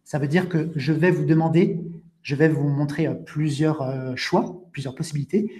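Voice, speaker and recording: A man hosting a live online language webinar, explaining things slowly with frequent restatements and talking to viewers in the chat. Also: a little high, steady tone, a little mellow. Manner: interactive, addresses viewers in the chat. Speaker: French teacher hosting a webinar.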